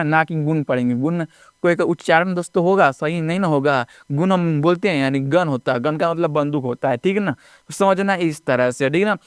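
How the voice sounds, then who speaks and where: A man's voice: fairly high pitch, clear, resonant tone, no echo, clean studio sound. A man teaching English phonics step by step, spelling words out letter by letter and often checking in with "ठीक है ना". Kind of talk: classroom-style phonics lesson.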